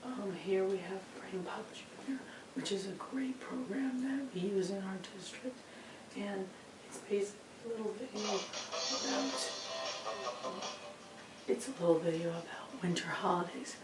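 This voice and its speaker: A woman teacher presenting a lesson informally, her lost voice hoarse, croaky and effortful, often breaking into a breathy whisper. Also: mid-range voice, a little slow, over loud music. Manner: effortful, pushing to be heard. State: hoarse, strained, breaking voice from voice loss. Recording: roomy, distant mic with clear background noise.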